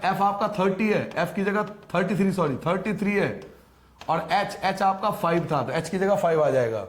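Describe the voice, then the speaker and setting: A man teaching a maths lesson, patiently repeating each step and asking his students rhetorical questions. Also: sits high. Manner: patient, repetitive explaining, addresses students as beta. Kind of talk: recorded classroom lesson. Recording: echoey room.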